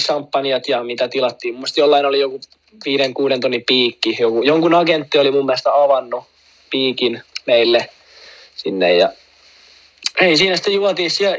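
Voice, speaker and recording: A man's voice: mid-range voice, a bit bright. A man casually telling a long, rambling anecdote, full of fillers and asides. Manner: rambling, full of fillers, laughs at own story. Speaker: guest telling a story.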